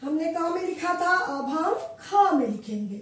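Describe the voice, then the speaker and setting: A woman teaching at a very slow, patient pace, repeating each syllable. Her voice sits very high. It rings in a strongly echoing room, heard from some distance. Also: lively intonation. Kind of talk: slow classroom explanation.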